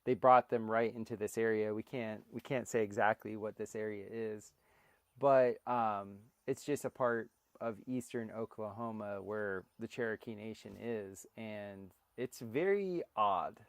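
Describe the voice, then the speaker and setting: Smooth-voiced man chatting casually. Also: on the low side, a little slow, no room sound. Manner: rambling, jokey storyteller. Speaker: livestream host. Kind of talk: casual chat. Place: outdoor porch.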